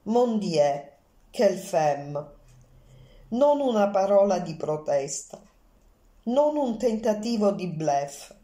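A woman's voice: medium pitch, sing-song, slow, pauses often, mellow, roomy sound. A woman reading Poirot, fussy and courteous. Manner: formal, polite, precise. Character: fussy, courteous middle-aged Belgian male detective.

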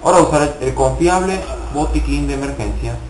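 A man's voice: on the high side, fairly quick, reverberant, background noise. A young man casually commenting on his gameplay, swearing and mocking himself in frustrated outbursts. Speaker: gaming video host.

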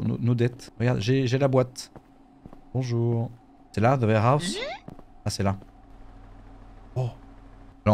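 A man commentating a horror game let's play in a jokey, animated way. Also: medium pitch. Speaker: gaming YouTuber.

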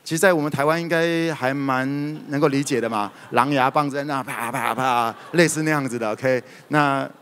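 A man preaches a sermon in a lively, storytelling way. His voice sits at an ordinary middle pitch. It carries a long reverberant echo from the hall around him. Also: normal speed, few pauses. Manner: animated, lively storytelling with sudden loud outbursts. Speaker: pastor.

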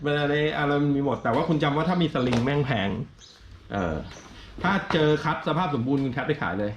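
A man's voice: on the high side, expressive, brisk, slight background noise. A middle-aged man, a shoe seller, giving blunt, coarse advice in casual chat. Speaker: second-hand shoe seller and co-host. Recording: roomy, slightly dull sound.

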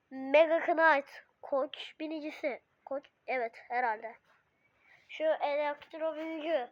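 A woman who is sick and coughing, giving excitable, sarcastic casual commentary while playing a mobile game. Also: high voice, dry recording, dull audio. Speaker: gamer streamer.

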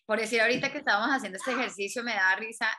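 A woman's voice: a little high, rapid-fire, noisy background. A woman in an acting class eagerly sharing her experience of a breathing exercise in a chatty way. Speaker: acting student.

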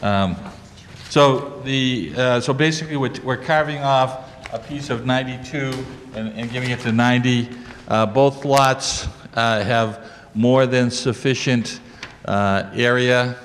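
An older man explains a lot plan to a planning board at a public meeting, walking around a wood-paneled council chamber with a handheld mic. His voice is medium-pitched, a little slow and a bit bright, full of fillers and restarts, and the chamber sounds echoey with light noise.

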